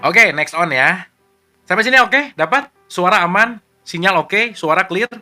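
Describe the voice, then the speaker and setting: Bright-voiced man leading a casual book study. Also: high-pitched, lively intonation, unhurried, faint music behind. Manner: chatty, joking asides, frequent checking in with listeners. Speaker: study group leader.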